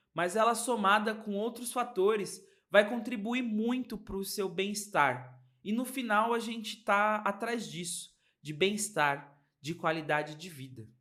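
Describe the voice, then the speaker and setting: High-voiced Brazilian man closing his podcast. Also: a little slow, hardly any pauses, fairly bright tone. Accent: Brazilian Portuguese. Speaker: podcast host. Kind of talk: scripted podcast outro.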